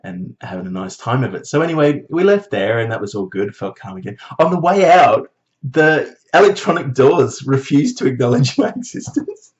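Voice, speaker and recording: A man's voice: normal speed, dull audio. Chatty man ranting on a vlog. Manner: animated, swearing, jumps to high mocking voices when quoting. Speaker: vlogger. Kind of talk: casual storytelling vlog.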